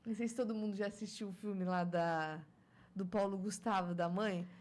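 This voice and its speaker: A woman's voice: mid-range voice, steady tone, moderate pace, darkish tone. A woman in her thirties from Brazil chatting casually about motherhood, laughing often and musing on faith. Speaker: guest mother. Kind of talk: casual chat.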